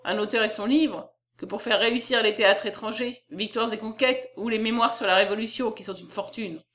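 Brief: a woman putting on a pompous, bossy male publisher, condescending and loud, storybook reading. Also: fairly high pitch, close to an everyday voice. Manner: boastful, condescending. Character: pompous fat middle-aged male publisher, domineering.

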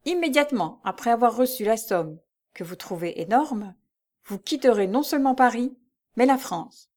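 A jealous rich young woman speaks in a raised, sharp voice that cuts and commands, as a woman puts her on while reading a novel aloud. Her pitch climbs above the reader's own, and her desperation leans toward begging. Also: lively intonation, moderate pace. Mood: cold. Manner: cutting, commanding, then pleading in tears.

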